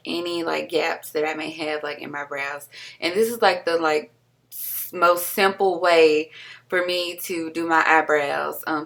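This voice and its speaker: Young woman host, low-pitched with vocal fry, casual filler-heavy tutorial voice-over. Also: a bit bright. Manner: chatty, full of "like" and "um" fillers; self-deprecating about sloppiness.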